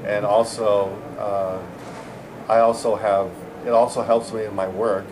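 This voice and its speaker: Speaking a little slowly in a lowish voice with little pitch movement, a middle-aged San Diego software engineer rambles through a casual interview at a busy conference venue. Fillers and restarts pile up, and there's noise behind him.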